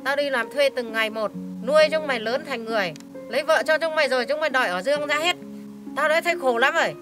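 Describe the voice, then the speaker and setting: A woman's voice: high voice, fast, music in the background, close to an everyday voice. A woman playing a bitter scolding widowed mother. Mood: aggrieved scolding. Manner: scolding, blunt and coarse. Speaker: mother in family drama. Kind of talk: amateur short-film acting.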